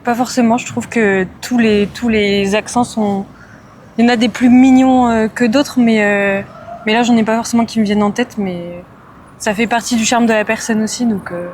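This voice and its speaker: Measured woman answering a street interview. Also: fairly high pitch, fairly even intonation, a little mellow, a little hiss or hum. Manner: measured, frequent fillers. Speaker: passerby.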